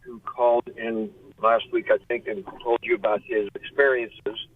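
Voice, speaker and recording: A man in his sixties, late in that decade, calls in to a radio chat from a pulled-over car, and the phone line sounds dry and tinny. His medium-pitched voice is flat and moderately paced as he rambles earnestly and candidly.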